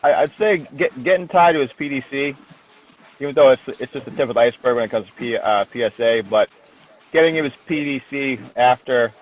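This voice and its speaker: A man's voice: medium pitch, fairly quick, slight background noise. A man speaks as a guest in a casual interview, heard over a thin, phone-like connection. His way of talking is candid and colloquial, with the odd swear word. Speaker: interview guest, dog trainer.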